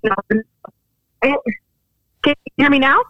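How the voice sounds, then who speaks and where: A man's voice: extremely high pitch, measured pace, phone-quality sound, a crowd in the background. A man, a dentist, talking casually with fillers in an interview while his call audio breaks up. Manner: explains in a relaxed way with frequent fillers. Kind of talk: interview over a remote call.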